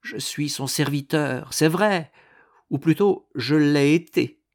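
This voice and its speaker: A man's voice: on the high side, takes it slowly, pitched above the performer's own voice. A man doing a small secretive steward. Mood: earnest. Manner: earnest, eager to explain.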